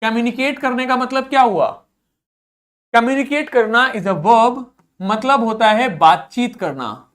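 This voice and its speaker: A woman speaking a little high and at a measured pace teaches English vocabulary with an Indian accent. She repeats each word to practice its pronunciation, and when she asks students questions, she answers them herself.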